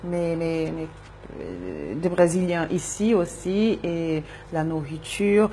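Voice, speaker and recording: A woman's voice: fairly low pitch, animated, takes it slowly, warm tone, slight background noise. A woman from Brazil, a native Portuguese speaker, interviewed on radio as a Zumba and wellness coach, talking thoughtfully and repeating words as she searches for them.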